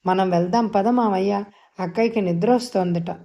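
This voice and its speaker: A gentle, timid young girl who asks things softly, as a woman narrator reads her. Her voice is mellow and hesitant. It is a dialogue scene from an audio novel. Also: mid-range voice, normal speed, natural voice. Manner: soft and hesitant.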